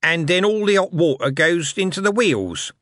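A man voicing a nervous, scruffy male watch corporal who talks in a hurried, eager-to-please way. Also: sits high, animated, fairly bright tone, no echo, studio quality, pitched above the performer's own voice.

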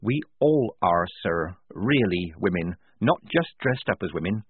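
A level-headed young woman posing as a soldier, voiced by a man. She speaks dryly and dutifully, with quiet exasperation. The sound is thin and phone-like. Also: low-pitched, expressive, a little slow, husky, exaggerated voice. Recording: tinny phone-like audio.

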